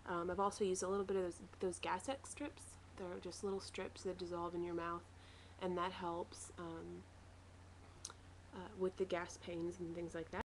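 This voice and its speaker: A woman's voice: lowish voice, flat delivery, moderate pace, slight background noise, low-quality recording. A woman talking casually and matter-of-factly in a rambling personal video diary, recorded at home. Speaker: vlogger sharing a weight-loss surgery recovery diary.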